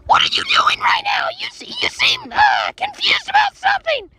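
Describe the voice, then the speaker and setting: A performer voicing a manic, self-declared psychopath cartoon monkey in a loud, squeaky, rambling plush toy skit outdoors by a pool. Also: expressive, moderate pace, exaggerated voice. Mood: brash, boastful. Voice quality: squeaky, shrill. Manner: loud, hesitant rambling, shouting. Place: outdoors by a backyard swimming pool. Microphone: handheld phone camera. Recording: noisy outdoor phone recording.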